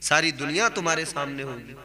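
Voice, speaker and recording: A man's voice: on the high side, lively intonation, a little fast, in a large hall, a crowd in the background. A man preaching a sermon and telling a story, drawing out words and repeating phrases with sing-song emphasis.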